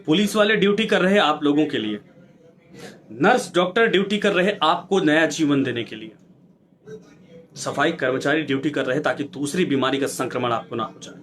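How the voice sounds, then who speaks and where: A man with a fairly high voice delivering fervent news commentary. He lectures and pleads with viewers, pressing his points with one rhetorical question after another in a preachy, exhorting tone. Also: animated, moderate pace, a bit bright. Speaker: news anchor.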